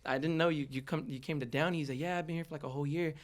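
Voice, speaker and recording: His voice sits a little high and his intonation is fairly even, and he talks very fast. This young adult from the LA area speaks with a Southern California accent, sharing his personal story openly and slangily as a casual podcast interviewee.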